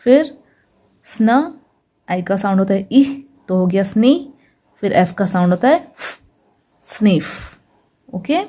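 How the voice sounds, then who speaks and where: A woman teaching English reading in a patient phonics lesson, slowly sounding out each syllable and checking in often. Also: medium pitch, expressive, dark tone.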